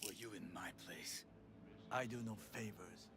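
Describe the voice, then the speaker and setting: A man's voice: lowish voice, a little slow, over loud music. An actor playing a stern, formal male corporate bodyguard who speaks in clipped, formal lines, heard as game audio. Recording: game audio with loud ambience behind.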